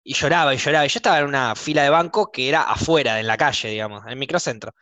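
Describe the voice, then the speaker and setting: A man's voice: medium pitch, racing, bright, forceful tone, no room sound. A man with a Rioplatense Argentine accent telling stories bluntly and jokingly in a casual podcast chat, with lots of slang. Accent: Rioplatense Argentine Spanish.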